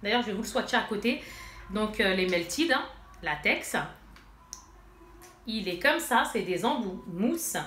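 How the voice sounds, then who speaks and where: A woman's voice: medium pitch, lively intonation, unhurried, pauses often, a bit bright. Chatty woman vlogger, stuffy nose. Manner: chatty, addresses viewers directly, many fillers. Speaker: beauty vlogger. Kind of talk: casual haul and swatch demo. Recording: echoey room, faint noise.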